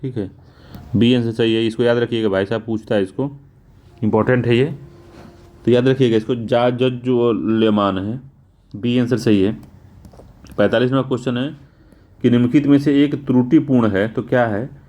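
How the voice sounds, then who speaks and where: A male teacher going through exam answers, spelling words out slowly and repeating them, casual in tone. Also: mid-range voice, fairly even intonation, warm tone. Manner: informal, repeats "theek hai" often.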